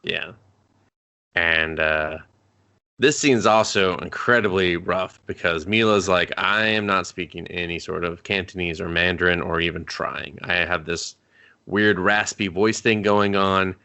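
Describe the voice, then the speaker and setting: On a movie review podcast, a male co-host recaps scenes with casual, joking banter, acting out the characters' lines in quick put-on voices. His voice sits low yet comes across bright, forceful, clear and resonant.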